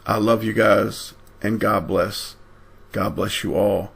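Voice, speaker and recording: Male preacher, husky and gravelly, fervent, loud emphasis and quiet asides. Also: fairly even intonation, slow pace. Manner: fervent, swings between loud emphatic and low intimate. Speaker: online preacher. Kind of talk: impassioned preaching.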